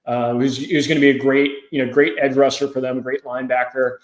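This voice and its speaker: A man co-hosting a sports podcast, giving his views in a measured way that is full of fillers and restarts. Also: mid-range voice, level tone. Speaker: podcast co-host. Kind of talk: casual sports chat. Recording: echoey room.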